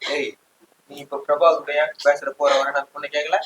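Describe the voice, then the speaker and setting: A bright, quick male voice, played by an actor, pushing his accusations insistently. A faint room ambience sits behind him. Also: a little high, completely flat delivery, slight background noise, close to an everyday voice, poor audio. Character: older man housemate, meddling and loud, Muthanna.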